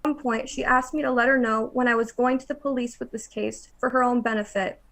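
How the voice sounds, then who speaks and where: A young woman reads a prepared court statement in a fairly high, flat voice. Her delivery stays level and measured from line to line. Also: vocal fry. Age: young adult. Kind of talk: reading a court statement aloud.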